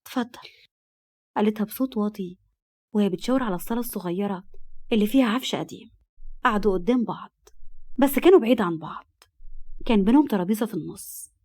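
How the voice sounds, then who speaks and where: راوية مصرية سريعة الكلام. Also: female voice, medium pitch, lively intonation, very fast, long pauses, a little mellow. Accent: Egyptian Arabic. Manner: acts out dialogue, heated in angry scenes. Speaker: storyteller. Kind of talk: dramatized story narration.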